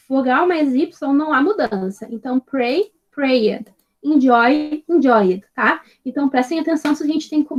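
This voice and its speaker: A woman teaching an English grammar lesson, patient and explaining step by step, checking in with her students after nearly every phrase. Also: sits high. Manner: spells out examples slowly and clearly.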